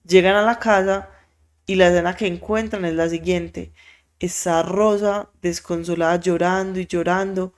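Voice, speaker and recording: Podcast host, lively storyteller who voices the characters. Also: mid-range voice, moderate pace, clean tone. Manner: animated, acts out quoted voices; frequent filler words.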